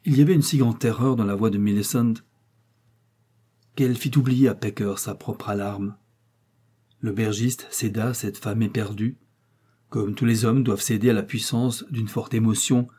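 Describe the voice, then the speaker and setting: A man narrating a classic novel in a measured, dramatic reading. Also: on the low side, fairly even intonation, dark tone, slightly rough. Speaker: audiobook narrator.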